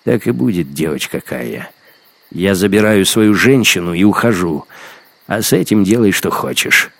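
A man voicing a brutal, gloating young male hunter who shouts and mocks in a storybook reading. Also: low-pitched, animated, moderate pace, no room sound, exaggerated voice. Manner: shouting, menacing, mocking. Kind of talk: audiobook character acting.

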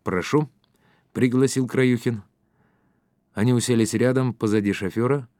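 A man reading an audiobook as the narrator, in a steady, measured way. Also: fairly low pitch, no room sound, studio quality. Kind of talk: scripted narration.

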